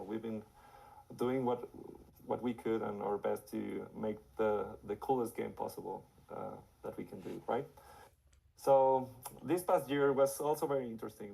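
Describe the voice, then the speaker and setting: A studio director with a raspy, hoarse voice from being sick, talking casually on a livestream and rambling through his explanations. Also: medium pitch, poor audio. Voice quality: raspy from illness. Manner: rambling, restarts, explains warmly.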